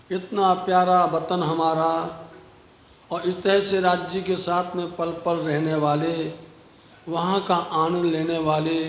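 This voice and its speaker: A man giving a devotional sermon, earnest and slow, rising at times to emphatic exhortation. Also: fairly high pitch. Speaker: preacher. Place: ashram hall. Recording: echoey hall with long reverb.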